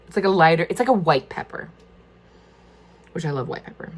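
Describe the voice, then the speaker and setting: A woman hosts a wine tasting, talking through it casually and informally while she thinks aloud in a tentative, conversational manner. Her voice is on the low side, with lively intonation and a fairly quick pace.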